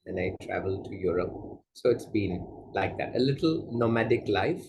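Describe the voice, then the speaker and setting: A man from Malaysia, a yoga teacher, answering interview questions in a gentle, unhurried way with soft fillers. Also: lowish voice, noisy background. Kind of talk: casual interview conversation.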